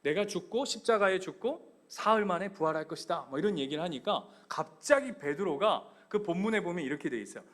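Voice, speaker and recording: A middle-aged male pastor preaching a sermon, animated and joking, acting out the voices of people in his stories. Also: sits high, a little fast, hardly any pauses. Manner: animated, acts out voices of Bible figures and his kids, jokes with the congregation.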